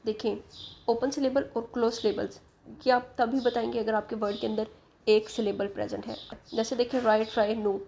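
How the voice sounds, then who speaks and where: A woman's voice: a little high, steady tone, fairly quick, gravelly, darkish tone, a little hiss or hum. A woman teaching English in Hindi, spelling out letters and sounds, patiently asking and answering her own questions. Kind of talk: explaining lesson in Hindi with English terms.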